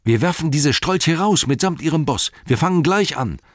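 A man's voice: medium pitch, animated, moderate pace, no echo, clean studio sound, voice pushed up, close to an everyday voice. Sam Gamgee, a man doing an earnest young hobbit. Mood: eager. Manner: eager and earnest.

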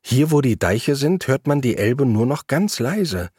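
A man's voice: mid-range voice, big pitch swings, measured pace, darkish tone, breathy edge, no room sound, clean studio sound, voice pushed up. A man voicing a thoughtful, encouraging woman cyclist. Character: encouraging female cycling companion, adult.

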